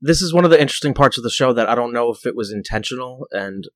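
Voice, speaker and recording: A mid-pitched man chats on a podcast, teasing and chuckling between points. The recording is dry and close to the mic. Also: animated, rapid-fire, a bit bright, no room sound. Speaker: podcast co-host. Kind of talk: casual chat.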